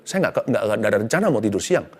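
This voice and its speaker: A middle-aged man preaching a sermon, telling a personal story with animated swings between loud exclamations and hushed tones, mixing in English phrases. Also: lowish voice, very fast. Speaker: pastor.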